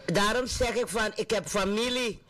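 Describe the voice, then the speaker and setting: High-pitched Surinamese Dutch male radio host. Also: moderate pace, fairly bright tone. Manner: preachy, repeats phrases for emphasis. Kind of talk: casual, emphatic radio talk.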